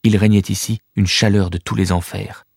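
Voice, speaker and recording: A male narrator with a fairly low voice reads a children's novel with measured, vivid storytelling. The sound is close and dry, with no room around it. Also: steady tone, creaky, darkish tone, slightly rough, dry recording. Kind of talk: scripted audiobook narration.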